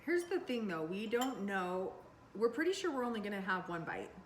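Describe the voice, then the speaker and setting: A woman's voice: mid-range voice, big pitch swings, moderate pace, echoey room, a little hiss or hum. A woman co-hosting a cooking show, chatting casually and wryly as she tries a dish. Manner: wry, squeamish, thinks aloud.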